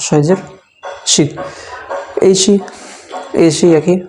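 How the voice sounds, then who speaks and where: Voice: mid-range voice, fairly even intonation, takes it slowly, darkish tone, soft background music. A Quran reading teacher giving a step-by-step recitation lesson, patiently repeating each letter sound aloud.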